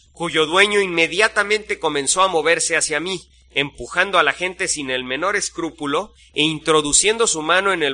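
A man narrating a first-person story in a steady, suspenseful storytelling manner. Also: fairly high pitch.

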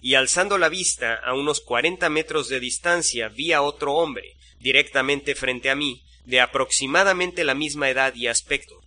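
A man narrating a first-person story in a steady, suspenseful storytelling manner. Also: mid-range voice.

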